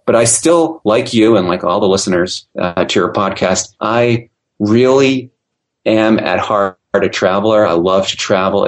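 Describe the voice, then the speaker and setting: A man who grew up in Austria and Germany, talking casually and reflectively as a podcast interview guest. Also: lowish voice. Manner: reflective, loose, with many fillers and restarts. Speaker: podcast guest, travel consumer advocate.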